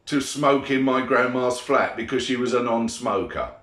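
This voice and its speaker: A man's voice: medium pitch, moderate pace, fairly bright tone. A middle-aged British man giving a blunt, sweary opinion monologue in a grumpy old man's grumbling manner. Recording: echoey room.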